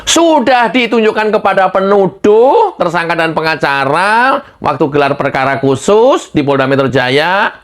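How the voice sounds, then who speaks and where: A woman's voice: on the low side, expressive, moderate pace, few pauses. A woman giving a heated political rant, exasperated and scolding, firing off rhetorical questions.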